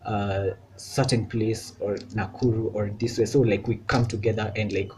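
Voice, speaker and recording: A man's voice: fairly low pitch, fairly even intonation, normal speed, darkish tone, slight background noise. A young man from Kenya talking casually on his vlog, loose and chatty with lots of filler words. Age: young adult. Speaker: vlogger. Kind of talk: casual chat.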